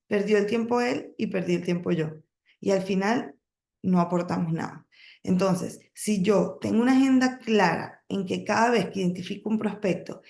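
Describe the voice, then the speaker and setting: A middle-aged woman coaching a group on public speaking, in a gravelly voice of middling pitch. She stresses her points, pauses and corrects herself as she goes. The room carries a noticeable echo. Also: darkish tone. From emigrated to the United States, lives in Texas. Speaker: network marketing trainer. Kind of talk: training talk on public speaking.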